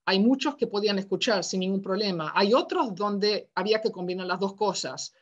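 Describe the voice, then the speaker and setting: A woman lecturing to teachers in a relaxed, conversational way, often asking "¿verdad?" and acting out quoted dialogue in her stories. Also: mid-range voice, a little fast, highs cut off. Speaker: university education lecturer. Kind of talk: lecture given online.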